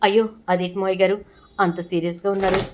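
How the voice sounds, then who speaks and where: A woman's voice: on the low side, little pitch movement, fast talker, background noise, close to an everyday voice. A woman voicing a scheming young daughter-in-law who pleads and protests her innocence in a retold serial. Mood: pleading.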